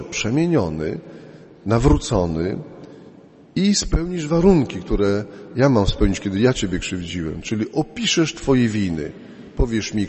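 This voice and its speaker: A man preaching a sermon as a priest, slow and emphatic, his voice rising and falling in pitch and loudness. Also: in a large hall.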